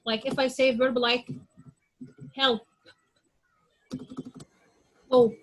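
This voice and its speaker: A woman with a high voice leads an English pronunciation lesson. She talks slowly and patiently, repeating each example word several times and stopping often to ask if the class understands. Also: level tone, poor audio. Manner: drills word sounds aloud one at a time. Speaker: English teacher.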